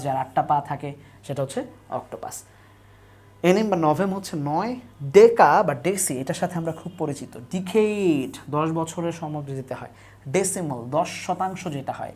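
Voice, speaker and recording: A young woman with a deep, darkish, slightly rough voice teaches an online English lesson on word roots for an admission test. She walks through it step by step, lists examples and often checks in with "right?" The audio comes from a camera on a tripod.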